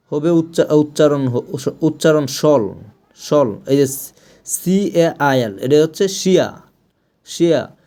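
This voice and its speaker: A man's voice: a little high, mellow. A man teaching English pronunciation, saying each word again and again with many fillers and restarts. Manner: repeats words over and over, drilling pronunciation, with many "ah" fillers and restarts. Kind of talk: spoken language lesson.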